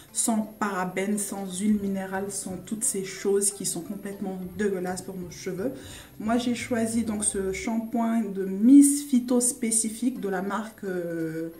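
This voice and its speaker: A woman's voice: mid-range voice, warm tone, distant mic. A young woman from France chatting casually through a product review, with many fillers and restarts. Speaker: beauty vlogger. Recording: echoey room, voice off-mic.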